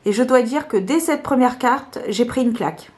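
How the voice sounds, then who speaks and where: A woman casually showing her favourite tarot cards, talking hesitantly with many fillers. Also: on the high side. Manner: slow, soft-spoken. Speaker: tarot vlogger.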